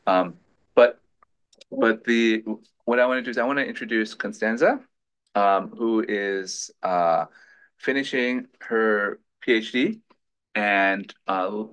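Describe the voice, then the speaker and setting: A man with a lowish voice runs a lab meeting and introduces a guest. He talks informally and haltingly, full of restarts and fillers. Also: a bit bright, clean tone.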